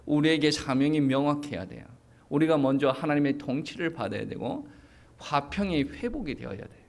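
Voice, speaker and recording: A male pastor with a Gyeongsang Korean accent delivering an expository sermon, animated and playing out quoted asides. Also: mid-range voice.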